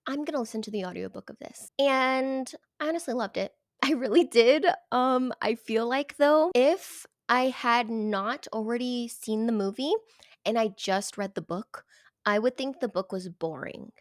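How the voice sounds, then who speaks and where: Animated, emphatic woman reviewing books. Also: on the high side, unhurried, dry recording, clean studio sound. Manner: animated and emphatic, dips into whispers. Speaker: book reviewer. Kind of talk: casual chat.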